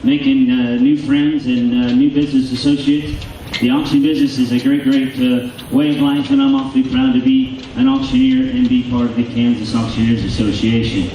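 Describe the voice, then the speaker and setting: Halting American man addressing a very echoey hall. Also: medium pitch, big pitch swings, warm tone, distant mic. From Nebraska, United States. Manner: halting, repeats words. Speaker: auctioneer, championship contestant. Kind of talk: formal address to an audience. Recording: very echoey hall from afar, faint noise.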